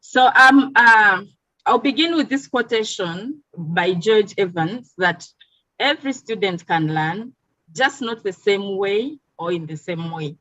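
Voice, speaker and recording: A woman's voice: mid-range voice, animated, sharp tone, dry recording. Ugandan woman presenting in a webinar. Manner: measured, many "um" pauses. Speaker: teacher and teacher trainer. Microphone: video call. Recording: dull, dry video-call audio.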